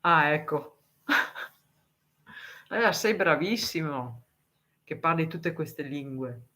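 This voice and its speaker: A woman from Italy talks casually with viewers on a live stream, taking her time over every word. Her voice is bright and forward, and she laughs readily while she answers comments. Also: sits low, lively intonation. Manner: chatty, laughs often, reads and answers comments; deliberately slow, careful speech for foreign viewers.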